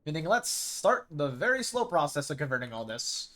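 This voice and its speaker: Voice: medium pitch, very animated, moderate pace, fairly bright tone. A streamer rambling and thinking aloud over live gameplay in casual chat.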